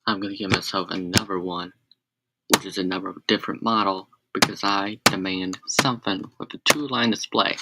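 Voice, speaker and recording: A man's voice: lowish voice, bright, forceful tone, a little hiss or hum. A man rambling on a casual live stream, correcting himself and adding sarcastic asides.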